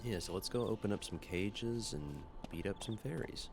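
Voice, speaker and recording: A man's voice: fairly low pitch, moderate pace, vocal fry. A man giving casual commentary as he hosts a video game playthrough. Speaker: gamer, playthrough host. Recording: loud game music behind voice.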